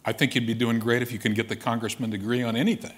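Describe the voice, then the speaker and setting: A man's voice: mid-range voice, steady tone, rapid-fire. A man moderating a conference panel, asking short, wry questions.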